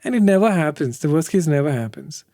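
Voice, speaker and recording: A man's voice: a little high, lively intonation, fast, dark tone, no room sound, studio quality. A man in his thirties with an Indian English accent, telling candid stories in an interview, acting out quoted voices and laughing often. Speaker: interview guest. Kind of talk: candid conversational storytelling.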